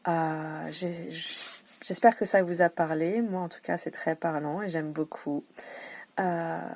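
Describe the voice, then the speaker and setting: A woman working as a wellness coach, speaking casually and encouragingly, with hesitant restarts, sometimes dropping to a soft hush to guide breathing exercises. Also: lowish voice, fairly even intonation, takes it slowly. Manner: drops to a soft hush while guiding breathing. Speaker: wellness coach offering private sessions and massages. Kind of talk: casual self-help talk with guided breathing.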